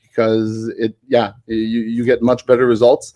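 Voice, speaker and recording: A man's voice: mid-range voice, monotone, mellow. A man guesting on a casual tech chat who rambles, restarts his sentences and laughs easily. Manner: rambling, self-correcting, quick to laugh. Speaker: guest developer.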